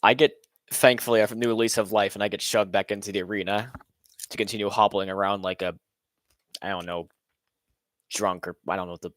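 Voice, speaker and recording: A man's voice: on the low side, fairly even intonation, brisk, pauses often, fairly bright tone, no room sound. A man casually narrating a recap of a robot fight over footage, rambling with many fillers and restarts. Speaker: robot builder recapping his event.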